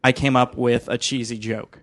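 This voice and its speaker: A man's voice: medium pitch, level tone, normal speed, no echo. A man hosting a podcast in casual chat, teasing his guests and cracking sarcastic jokes. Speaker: podcast host.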